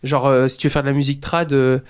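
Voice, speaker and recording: A man's voice: mid-range voice, flat delivery, quick pace, clean tone. A man hosting a casual podcast chat, talking loosely with many fillers and restarts. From Portuguese heritage. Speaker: podcast host.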